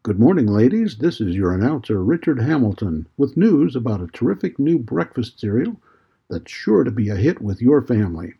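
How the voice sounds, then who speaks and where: A man playing a 1950s radio commercial announcer in an old-time radio style, with a loud, hearty sales delivery. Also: mid-range voice, vocal fry, slightly rough, lo-fi sound, full character voice.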